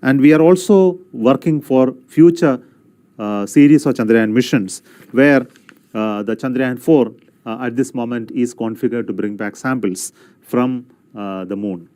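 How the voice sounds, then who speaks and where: Mellow Indian-accented man giving a podium speech. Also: medium pitch, unhurried. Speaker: space agency representative. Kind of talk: formal podium speech, prepared address.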